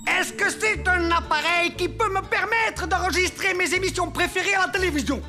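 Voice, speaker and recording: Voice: very high voice, normal speed, over music. An actor voicing a childish, tyrannical little male villain professor in a French cartoon dub, theatrical and demanding. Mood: gleeful scheming.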